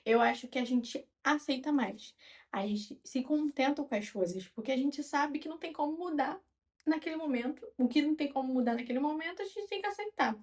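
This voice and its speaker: A woman in her twenties with a Brazilian Portuguese accent, chatting calmly and openly to her viewers like a friend. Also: high-pitched, brisk. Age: 20s. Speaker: vlogger. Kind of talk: casual chat to camera.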